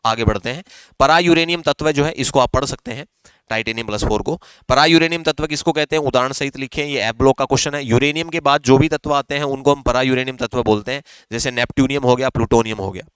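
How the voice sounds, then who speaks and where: A man's voice: mid-range voice, quick pace, fairly bright tone, smooth, no room sound. A male chemistry teacher with a Rajasthani Hindi accent, explaining exam questions step by step and answering his own questions. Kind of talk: exam-prep chemistry lesson.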